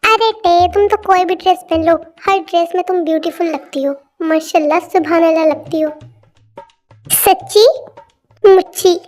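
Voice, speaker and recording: A woman's voice: very high-pitched, fairly even intonation, moderate pace, a little mellow. A woman voicing a caring, playful younger brother-in-law in a fan audio story, speaking in a teasing and reassuring way.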